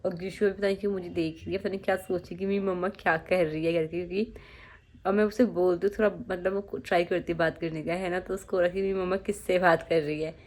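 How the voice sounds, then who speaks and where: A woman's voice: fairly low pitch, fairly even intonation, quick pace, darkish tone. A young woman from Uttarakhand, a new mother, chatting casually through her day at home and cooing to her baby now and then. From Uttarakhand, India. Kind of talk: casual home vlog chat. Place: family home indoors.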